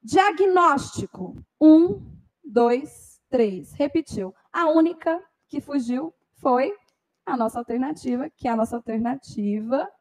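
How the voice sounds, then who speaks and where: A woman teaching a grammar lesson for exam preparation, explaining step by step and often checking in with a quick "tá?". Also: high-pitched, expressive, mellow, poor audio. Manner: explanatory, frequent "tá?" tag questions.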